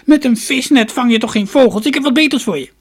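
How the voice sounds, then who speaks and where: A man voicing a crooked, cackling old woman from a children's story, with a creaky voice and a sly, drawn-out way of speaking. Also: very high voice, voice pushed up.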